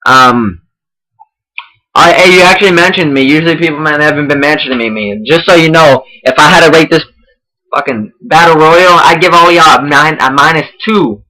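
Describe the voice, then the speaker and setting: A man's voice: a little high, moderate pace, pushed and bright, low-quality recording. Rambling, profane young man. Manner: rambling, profane, many restarts and fillers. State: out of breath. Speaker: online wrestling roleplay host giving feedback. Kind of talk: casual spoken feedback.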